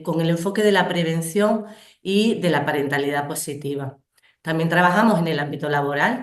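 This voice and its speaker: A woman with a cold presenting a community project in an online training session, speaking slowly and deliberately. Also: sits low, echoey room. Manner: slow, deliberate delivery. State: has a cold.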